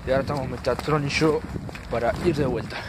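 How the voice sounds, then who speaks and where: A man's voice: mid-range voice, steady tone, fast talker. A young man with an Argentine accent chatting casually for an exploration vlog, slangy and prone to swearing. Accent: Argentine Spanish. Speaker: night exploration vlogger. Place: outdoors at night, street and open country. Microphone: handheld camera or phone. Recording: noisy handheld outdoor recording.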